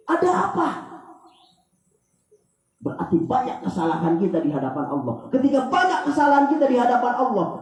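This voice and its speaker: A man preaching an Islamic sermon, rising into loud pleading prayers and then dropping low and slow. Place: Islamic boarding school hall. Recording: very echoey hall.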